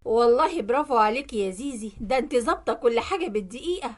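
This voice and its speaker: A woman plays a trusting middle-aged Egyptian company owner in a spoken story, slow and soothing. The voice sits high for a man. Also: animated. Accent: Egyptian Arabic. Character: kindly, gullible middle-aged male company boss.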